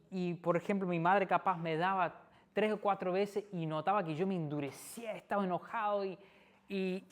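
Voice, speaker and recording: A man preaching in a conversational sermon, often checking in with the listener through tag questions and pausing with fillers. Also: on the high side. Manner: frequent tag questions, hesitant fillers and restarts.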